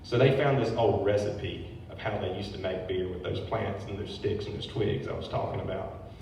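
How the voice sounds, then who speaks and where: In a very echoey hall, picked up by a distant mic over faint noise, a brewery owner reads a public history talk from his notes. His voice is fairly low and darkish, moving at a normal speed, and he adds informal asides between the read sections.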